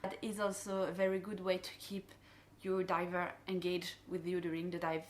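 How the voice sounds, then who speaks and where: A woman whose voice is on the low side with little pitch movement gives an instructional dive safety briefing at normal speed, speaking directly to the divers. She's a French-accented dive guide and instructor with non-native English phrasing, and slight background noise is present.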